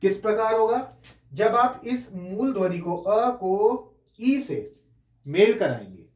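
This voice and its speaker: A man's voice: high-pitched, animated, slow, a little mellow. A man teaching a lesson, explaining step by step as he writes on a board, saying each sound aloud and repeating it. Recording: echoey room, voice from a distant mic.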